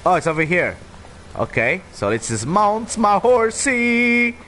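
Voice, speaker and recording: A chatty man streams a game with casual commentary. His voice sits on the high side and swings playfully up and down. Game noise is clearly audible behind him. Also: big pitch swings, unhurried, sharp tone. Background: game ambience.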